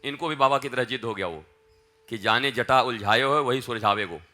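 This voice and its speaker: Bright-voiced man telling a devotional tale. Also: medium pitch, normal speed. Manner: acts out dialogue in dialect, swings from hushed chant to loud calls. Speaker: spiritual teacher. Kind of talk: devotional storytelling sermon.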